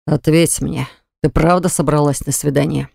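A reader voicing a jealous, hot-tempered man who growls and hisses his words, lower than the narration, in an audiobook. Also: fairly even intonation, moderate pace, creaky, darkish tone, dry recording, clean studio sound. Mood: furious. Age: adult. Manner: growling, hissing through teeth. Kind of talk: audiobook acting.

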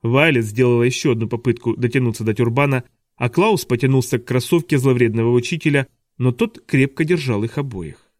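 A man's voice: medium pitch, brisk, a little mellow, dry recording, studio quality. A man narrating a children's story as an audiobook, expressively. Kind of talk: scripted narration.

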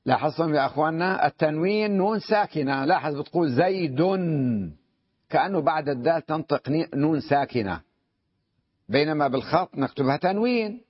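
A man with a fairly high voice teaches a grammar lesson, stopping again and again to ask his students whether they follow. He slows right down to read out quoted lines. The recording is dull and lo-fi. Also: no room sound. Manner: checks understanding with frequent questions to students. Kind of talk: classroom lesson.

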